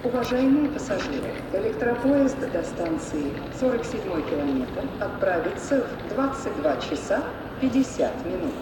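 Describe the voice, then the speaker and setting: A woman making formal railway station announcements over a PA loudspeaker in a measured way, rising on each opening call. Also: mid-range voice, recorded from a distance. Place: large train station hall. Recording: echoey loudspeaker heard from afar, loud noise. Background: loud station noise.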